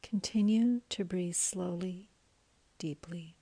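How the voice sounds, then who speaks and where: A woman guides a meditation at a very slow, unhurried pace. Her voice is soft and breathy, often sinking into a whisper. Its tone is low and mellow.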